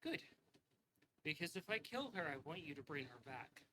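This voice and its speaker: A man voicing a stern, determined noblewoman who speaks in a cold, curt, quiet way in a tabletop game. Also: a little high, big pitch swings, normal speed, noisy background, voice pushed up.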